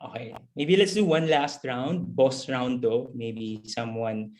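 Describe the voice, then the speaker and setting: A Filipino man hosts a live online game in a casual way. He slips between Tagalog and English as he addresses the group in a mid-pitched voice. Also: takes it slowly, a little mellow. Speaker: host of an online workshop game. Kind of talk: casual live event hosting. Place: video call.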